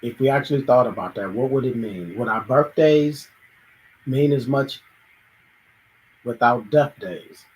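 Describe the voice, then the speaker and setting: On a low-quality recording, a man with a medium-pitched voice hosts a reflective solo monologue at a measured pace with long pauses. He thinks aloud, sometimes restarting, and thoughtfully acts out little everyday dialogues.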